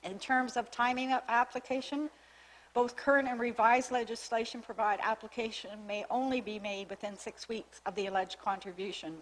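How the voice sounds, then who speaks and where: A municipal staff member presents new legislation to the town council in a council chamber, giving a formal, methodical briefing and reading out clauses with small restarts. She is losing her voice and coughs frequently. Her voice is a little high and fairly bright, with fairly even intonation at a moderate pace, and the audio is poor.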